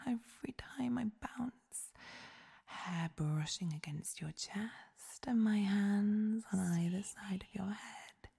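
A woman voicing a seductive, domineering goddess in an adult whispered role-play, with a breathy, creaky goddess voice and a commanding, sensual manner. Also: mid-range voice, warm tone, heavily acted.

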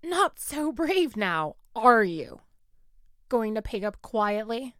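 A woman's voice: on the high side, very animated, slow pace, fairly bright tone, no room sound, studio quality, exaggerated voice. A woman playing a hot-tempered, sarcastic teenage school bully in an audio role-play, with a taunting, theatrical drawl. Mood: mocking, menacing. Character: snarky, hot-tempered school bully girl, grudgingly softening.

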